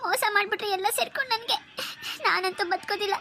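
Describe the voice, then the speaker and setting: Woman doing a whiny lovesick girl, very high squeaky voice, tearful, pleading, cartoon. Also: quick pace, pushed and bright. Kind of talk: Kannada cartoon voice acting.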